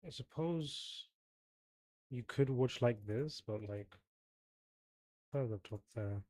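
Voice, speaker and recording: A man streaming a game and talking to his viewers in a loose, chatty way, checking in with them between moves. His voice sits mid-range and has a mellow, warm tone. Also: mid-range voice, takes it slowly, no echo. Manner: chatty, talks to viewers while fiddling with setup. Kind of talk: casual live-stream chat while gaming.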